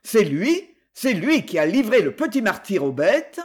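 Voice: medium pitch, sing-song, slow. A reader voicing a grieving old general, grave and vengeful, in an audiobook. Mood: grim.

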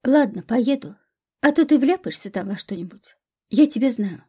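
A woman's voice: a little high, lively intonation, moderate pace, warm tone, husky. A woman voicing a sensible, weary young woman who grumbles at her friend. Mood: grumbling.

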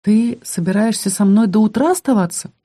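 A reader voicing a stubborn, defiant young female student in a fantasy audiobook, speaking in a quiet, guarded way. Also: medium pitch, a little fast, pitched above the performer's own voice, natural voice.

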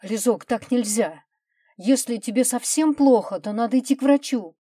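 A woman's voice: on the high side, moderate pace, dark tone, dry recording, studio quality, natural voice. A woman voicing a loving husband who begs his wife to open the door, urgent and emotional. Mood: pleading. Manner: urgent pleading. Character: loving husband, pleading and determined.

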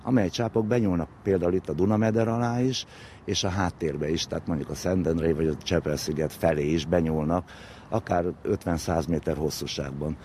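A low, darkish male voice with fairly even intonation belongs to an expert being interviewed. He explains things informally, almost like a lecture, using vivid comparisons, with faint background noise and ambience.

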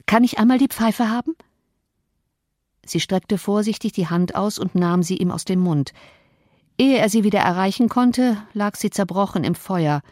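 A woman narrates an audiobook in a calm, measured way, at a middle pitch. She delivers the scripted narration steadily and evenly. The recording is dry and close, with no room echo.

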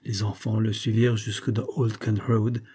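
Husky-voiced male audiobook narrator. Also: fairly low pitch, level tone, normal speed, mellow. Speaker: audiobook reader. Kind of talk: scripted novel narration.

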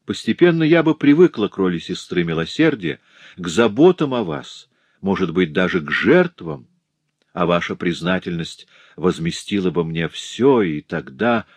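A man's voice: low-pitched, sing-song, moderate pace, slightly rough, no room sound, exaggerated voice. A man voicing an earnest noble wife. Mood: earnest, pleading. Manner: earnest and pleading. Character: remorseful devoted young noble wife. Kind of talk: audiobook reading.

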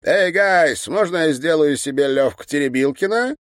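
A four-armed female creature, casual and slangy, as a male narrator puts her on. The reader raises his voice higher and brighter for her, with a close, dry sound. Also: lively intonation, moderate pace, no room sound, natural voice.

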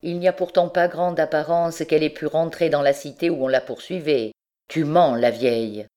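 A woman reading an audiobook, voicing a sinister male provost who interrogates gruffly. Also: deep voice, fairly even intonation, normal speed, warm tone, natural voice. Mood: menacing.

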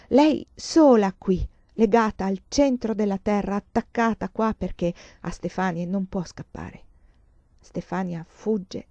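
Woman, audiobook reader of literary fiction, expressive, mid-pitched, dry dull lo-fi recording. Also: no echo. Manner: expressive, swings between hushed and loud passages. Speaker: reader of a novel.

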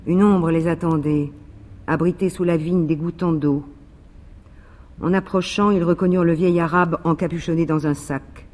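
A man reading a literary novel aloud in a measured, even narration, with a long reverb behind his voice. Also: on the high side. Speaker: reader.

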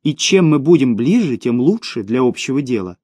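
A man's voice: medium pitch, sing-song, normal speed, mellow, breathy edge, no echo, clean studio sound. A man voicing a ruthless, domineering woman who mocks her partner in a cutting tone for an audiobook. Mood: purring. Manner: sneering, cutting. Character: cold, mocking, domineering woman, ruthless schemer. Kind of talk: audiobook character voice.

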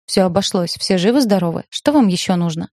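A woman's voice: lowish voice, animated, brisk, mellow, no echo, studio quality. A woman voicing an easygoing young man. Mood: calming. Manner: breezy, matter-of-fact.

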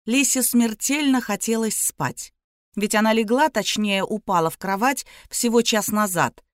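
A woman reading an audiobook in measured, even narration. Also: fairly high pitch, no echo, studio quality. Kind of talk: scripted narration.

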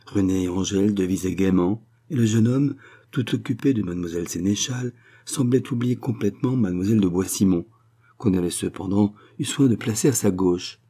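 A man reading a classic novel aloud as scripted narration, in a measured, even way. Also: on the low side, slightly rough. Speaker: audiobook reader.

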